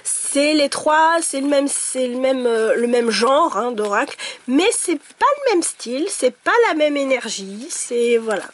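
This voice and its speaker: A woman chatting casually to her viewers about oracle cards, giggling often and filling her talk with pauses and restarts. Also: high-pitched, lively intonation. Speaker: tarot and oracle card reader. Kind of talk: casual chat to camera.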